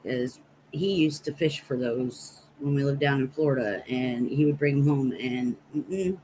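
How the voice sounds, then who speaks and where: Hosting a casual storytelling stream, a Nebraska woman rambles through personal anecdotes for her viewers in a mellow bass voice, speaking a little slowly. Slight background noise marks the rough recording.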